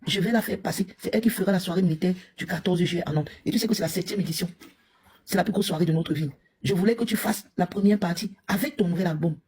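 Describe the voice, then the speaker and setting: A woman's voice: fairly low pitch, fast talker, a little mellow, husky. A woman from Cameroon, a mother and live streamer, scolding a rival in a heated, confrontational rant. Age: young adult to middle-aged, a mother.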